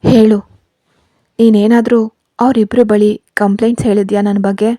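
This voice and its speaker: A woman's voice: medium pitch, little pitch movement, moderate pace, dry recording, studio quality, close to an everyday voice. A woman voicing a cold, furious young husband. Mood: angry. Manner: harsh, loud, scolding.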